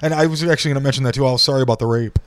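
A man at a middle pitch co-hosts a podcast in loose, casual chat. He swears freely and keeps throwing questions at the others. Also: racing, a little hiss or hum. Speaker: podcast co-host.

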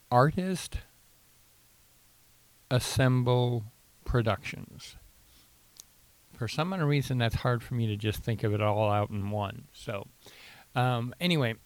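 A man hosting a casual radio-style podcast, rambling with frequent fillers and throat clearing. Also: mid-range voice, no echo. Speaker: podcast host.

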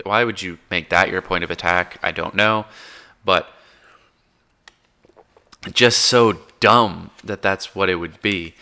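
A man's voice: sits low, bright, forceful tone, smooth. A man in his twenties casually retelling a war film, rambling and correcting himself as he goes. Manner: rambling, self-correcting, frank. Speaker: film recapper.

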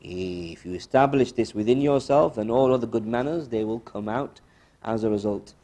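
A man teaches a religious lesson, quizzing listeners and explaining in a didactic, questioning way. He repeats key phrases with pauses and mixes Arabic quotations into his English, in a mid-range voice with a dark tone.

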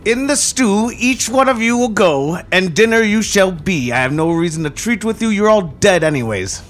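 A man voicing a menacing old hag in a tabletop game, screaming her threats in a drawn-out shriek. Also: high voice, animated, a bit bright, pitched above the performer's own voice. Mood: spiteful threat. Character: cackling, menacing old hag who stews intruders.

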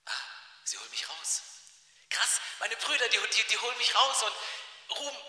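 A man's voice: high-pitched, very animated, normal speed, pushed and bright, heavily acted. A preacher voicing a young biblical man who has been abandoned and keeps asking bewildered questions. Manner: pleading, questioning, disbelieving. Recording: echoey hall.

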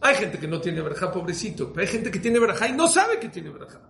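Guy preaching like a rabbi, raspy kinda high voice, goes quiet then loud, asks the crowd stuff, roomy echo. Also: very animated, fast, a little hiss or hum. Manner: swings from hushed to loud, rhetorical questions to listeners. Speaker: rabbi giving a Torah talk. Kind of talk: sermon to a live audience.

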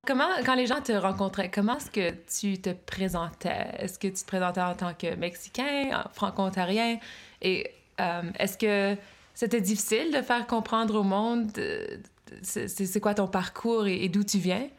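A young woman asking interview questions and narrating in a clear, measured way. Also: mid-range voice. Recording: faint music behind.

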